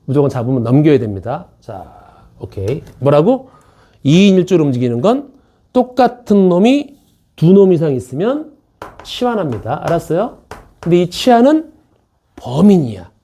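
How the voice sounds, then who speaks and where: Delivering a classroom math lecture at an academy, a man speaks at normal speed in a warm, sing-song voice on the high side. Along the way he jokes, repeats the important points, and checks in with the students.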